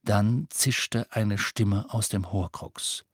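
A man narrating an audiobook in a measured, even reading style. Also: fairly low pitch, slightly rough, no echo, studio quality. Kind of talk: scripted storybook narration.

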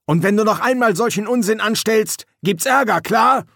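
A man playing a gruff drill sergeant who barks orders, loud and commanding. His voice rides well above his own, and the sound is dry and close. A storybook sergeant who brooks no nonsense. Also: fairly high pitch, very animated, measured pace, no room sound, pitched above the performer's own voice. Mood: barking. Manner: barking, commanding.

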